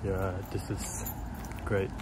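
A man's voice: deep voice, completely flat delivery, slow, noisy background. A young man in his twenties who hosts a casual night-time vlog on city streets, talking to a handheld camera in a laid-back, amused way. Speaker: vlogger. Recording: loud music bed over voice.

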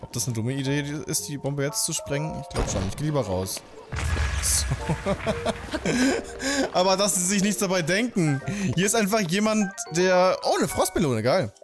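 A man's voice: high-pitched, expressive, moderate pace. A man in his thirties giving casual, slangy gameplay commentary into a close desk microphone. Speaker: let's play host. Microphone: desk microphone close to the mouth. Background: game music.

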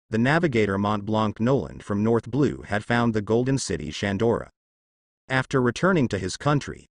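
A man narrating a story in a scripted, steady manner. His voice sits low but moves a lot in pitch, and the sound is close and dry. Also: dry recording.

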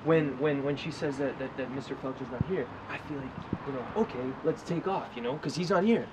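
A man's voice: mid-range voice, fairly quick, background noise, natural voice. An actor playing a nervous young male actor who stammers and hesitates. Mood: unsure.

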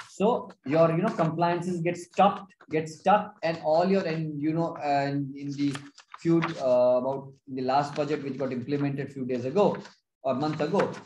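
A man with an Indian accent explaining as a consultant in a webinar, haltingly, often repeating and rephrasing his phrases. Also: on the high side, darkish tone, slight background noise. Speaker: tax consultant presenting a webinar. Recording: roomy, echoing webinar audio.

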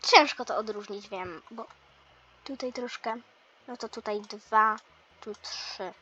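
A woman's voice: fairly high pitch, slow pace, bright, forceful tone, muffled recording. A woman playing a chatty male math teacher. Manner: explains step by step, mildly teasing. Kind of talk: toy role-play lesson.

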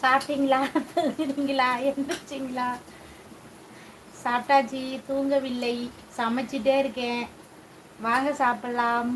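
High-voiced woman chatting on a live stream. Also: flat delivery, a little slow, pauses often, fairly bright tone, a little hiss or hum, poor audio. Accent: Tamil. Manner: chatty, greets viewers by name. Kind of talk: casual live chat reading viewer comments. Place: home kitchen, cooking while streaming.

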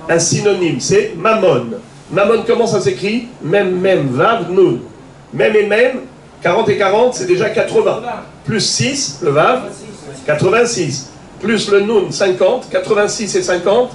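A man's voice: high voice, far from the mic. A man, a rabbi, giving a religious lesson, explaining step by step and asking rhetorical questions as he goes. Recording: echoey room, voice from afar, faint noise.

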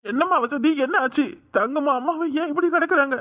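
A cartoon village man, high bright voice, tearful, pleading. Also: brisk. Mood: grieving. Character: grieving village man, son and brother. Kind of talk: Tamil cartoon voice acting.

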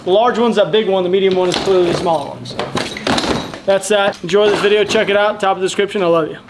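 A young man hosting a fishing video, enthusiastically pitching tackle bags to the camera in a garage. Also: steady tone, background noise. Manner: enthusiastic, rapid salesy talk. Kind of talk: casual product pitch to camera. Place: indoor garage tackle room.

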